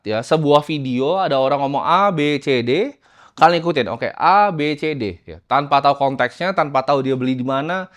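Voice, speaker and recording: Man, fairly high voice, casual investing teacher, chops lines into short bursts. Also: a bit bright. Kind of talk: casual lecture over slides.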